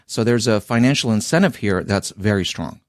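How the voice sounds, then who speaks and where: A man's voice: on the low side, expressive, fairly quick, no echo, clean studio sound. A man giving a scripted radio news report as a reporter.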